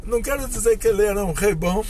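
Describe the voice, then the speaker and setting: A Brazilian rabbi with a Brazilian Portuguese accent, talking casually and patiently from inside a car. His voice sits unusually high for a man, and a faint hum of vehicle noise runs underneath. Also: fast talker, a little mellow, rough recording. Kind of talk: casual explanatory talk.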